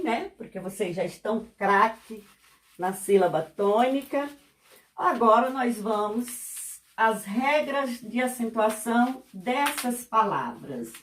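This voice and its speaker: A woman explaining lesson material as a teacher, patient and repetitive, often checking whether her students follow. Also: medium pitch. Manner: slow, patient, repeats examples and checks understanding. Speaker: Portuguese teacher. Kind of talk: classroom explanation.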